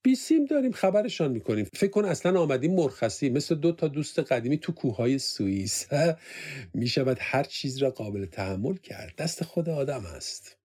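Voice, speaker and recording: A man's voice: medium pitch, voice pushed up. A man doing a teasing easygoing soldier. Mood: cheerful. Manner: lively, raised voice, lightly mocking. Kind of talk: audiobook character voice.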